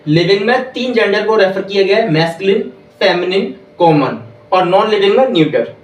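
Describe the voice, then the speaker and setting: A man teaching English grammar in a classroom, repeating each point slowly and quizzing the listeners. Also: high voice, animated. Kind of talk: classroom lesson. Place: classroom with whiteboard. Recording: echoey room, voice from far off.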